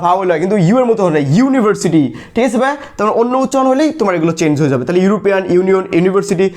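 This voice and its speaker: Young guy tutoring, high voice, talks super fast, asks a question then answers it himself. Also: a little mellow. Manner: quizzes students by asking a question and answering it himself; calls listeners brother over and over. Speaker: English tutor. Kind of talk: energetic exam-prep lesson with call-and-response drills.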